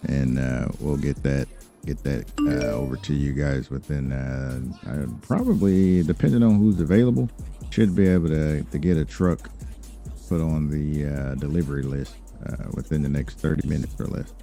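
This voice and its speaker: A streamer role-plays in a game as an obliging lawyer and crime boss, improvising in-character business talk politely, haltingly, and with many fillers. His very deep, mellow voice sounds businesslike and accommodating, with faint music behind him.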